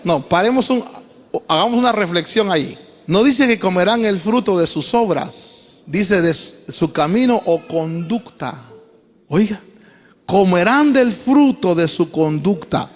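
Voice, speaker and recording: Male pastor, high tenor voice, animated sermon delivery with call-and-refrain, reverberant sanctuary. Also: unhurried. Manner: animated preaching, rising to high emphatic calls and repeated refrains. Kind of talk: preaching a sermon. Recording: reverberant church hall.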